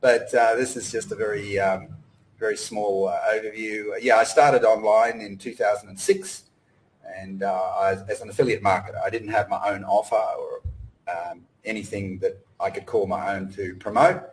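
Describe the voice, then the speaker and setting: Middle-aged guy from australia, low-ish voice, rambling webinar talk full of ums. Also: fairly even intonation, normal speed, low-quality recording. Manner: rambling, many fillers and restarts. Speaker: webinar presenter. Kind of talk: casual presentation. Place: home in Cambodia.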